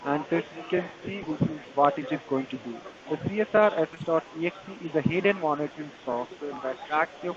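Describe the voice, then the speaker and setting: A dull, lo-fi call carries busy chatter behind a fairly high-voiced man with an Indian accent. He works through a tech support pitch in a call-center manner, halting and repeating himself. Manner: halting, repetitive, non-native phrasing.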